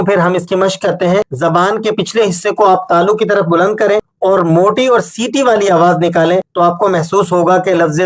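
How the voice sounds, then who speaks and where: Patient male teacher explaining pronunciation. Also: sits high. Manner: patient, explanatory, slows down to demonstrate sounds. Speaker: Quran recitation teacher. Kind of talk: tajweed lesson.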